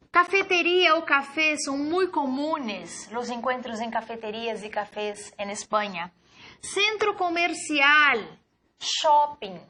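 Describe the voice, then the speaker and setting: Woman teaching vocab, high voice, takes it slow, mixes two languages. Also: bright, forceful tone. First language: Portuguese. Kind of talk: slide-based vocabulary lesson.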